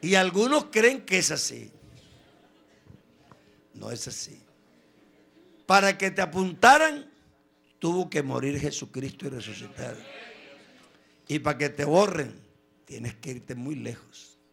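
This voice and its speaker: A man preaching a sermon, telling stories with quoted voices and sudden loud bursts. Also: fairly high pitch, expressive, takes it slowly, creaky, long pauses, breathy edge.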